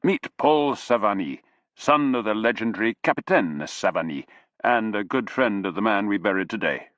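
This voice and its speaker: A man's voice: lowish voice, expressive, moderate pace, fairly bright tone, no echo, highs cut off. A man doing a brusque senior officer.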